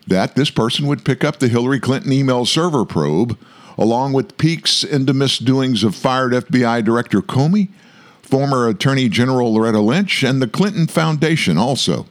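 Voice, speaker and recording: His pitch sits in the middle as this man runs an online political commentary show, animated and emphatic. Stressed words get stretched out, and he turns aside to address listeners.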